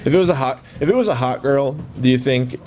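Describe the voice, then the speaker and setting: A joking man hosting a casual radio talk show, his pitch swinging widely as he teases his guests. He laughs often and tells crude jokes. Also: animated, quick pace, darkish tone, faint music behind. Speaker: host.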